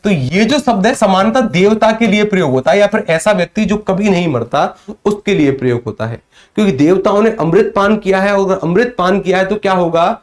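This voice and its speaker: A man's voice: sits high, animated, a little fast. A man teaching Hindi in a live online class, who asks questions and answers them himself, often calling his students sir. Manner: addresses students as sir, reads out chat comments.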